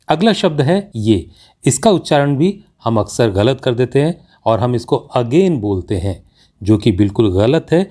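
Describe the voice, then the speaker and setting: A mid-range, dark-toned voice belongs to an Indian-accented man giving a slow lesson on English pronunciation. He reads each example sentence with great care.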